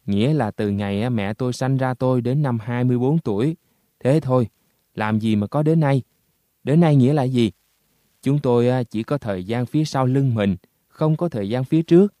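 A man voicing the ghost of a young male soldier, blunt and rough in his talk. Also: mid-range voice, moderate pace, warm tone, dry recording, clean studio sound, natural voice. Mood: puzzled.

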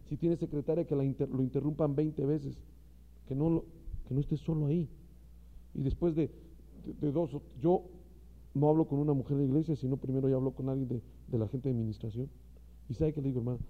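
A man's voice: medium pitch, fairly even intonation, brisk, big-room sound. A man preaching a sermon to fellow ministers, impassioned and speaking straight to his listeners. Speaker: pastor. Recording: dull lo-fi recording.

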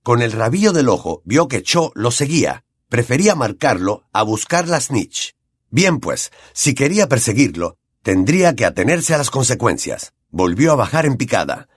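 A man with a Latin American Spanish accent reads an audiobook with lively, swinging intonation at a middle pitch. His voice is husky, and the recording is close and dry. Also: normal speed, no room sound. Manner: expressive, animated reading. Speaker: audiobook narrator. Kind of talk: audiobook narration.

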